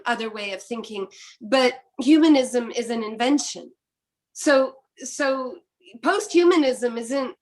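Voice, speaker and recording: The audio is poor as this middle-aged woman from Quebec, Canada, a French-speaking philosopher on an academic panel, talks in a higher voice. Her delivery is thoughtful, with plenty of restarts.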